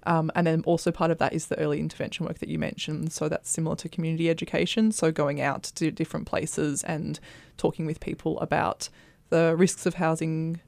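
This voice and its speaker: Creaky-voiced woman, radio guest. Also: sits low, flat delivery, brisk, a little mellow, no echo. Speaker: guest, housing support worker. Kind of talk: casual radio interview talk. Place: radio studio.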